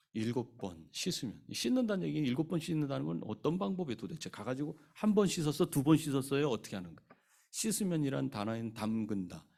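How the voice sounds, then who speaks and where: A man preaches a sermon from a church pulpit, his pitch rising and falling in a lively way. He keeps asking the congregation questions and acts out the scripture figures in their own voices. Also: vocal fry. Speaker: pastor. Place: church sanctuary.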